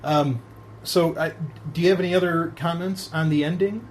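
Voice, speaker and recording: A man's voice: on the high side, fairly even intonation, moderate pace, slight background noise. A man hosting a podcast in casual chat, rambling with many fillers and restarts and laughing often. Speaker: podcast host.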